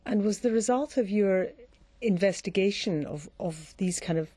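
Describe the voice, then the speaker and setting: A woman interviewing a guest, asking probing questions in a halting way. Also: mid-range voice, mellow, breathy edge, no room sound.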